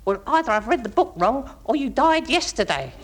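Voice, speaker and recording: An actress playing a palm-reading fortune teller in a radio comedy sketch. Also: female voice, fairly high pitch, very animated, a little fast, very noisy. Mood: cooing, mock grave.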